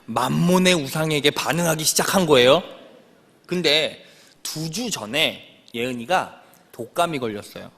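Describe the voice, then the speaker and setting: A young man preaching from the pulpit, his voice high and lively as it swings up and down. He tells a story and keeps asking the congregation questions. The sound rings on in a large church sanctuary. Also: husky, in a large hall. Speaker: pastor. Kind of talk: sermon.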